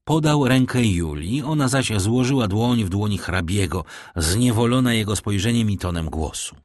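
A man's voice: on the low side, expressive, normal speed, a little mellow, no room sound, studio quality. A man narrating a classic novel as an audiobook, reading steadily and evenly.

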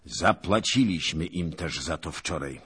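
A man's voice: deep voice, animated, a little slow, husky, exaggerated voice. A man doing a pompous old boastful nobleman. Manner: pompous, patronizing, loud.

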